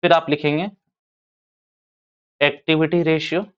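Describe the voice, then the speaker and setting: A man's voice: on the high side, flat delivery, unhurried, smooth. A man, teaching commerce in a casual classroom lecture and repeating his points as he talks to students. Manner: chatty, addresses students as "bhaiya", repeats points. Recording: dull lo-fi sound.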